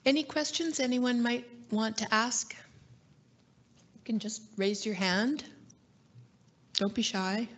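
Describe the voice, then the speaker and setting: A Canadian woman executive giving a formal meeting address and answering shareholder questions in a measured, gracious way. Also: fairly high pitch, fairly bright tone. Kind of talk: formal speech, then live Q&A. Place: meeting hall.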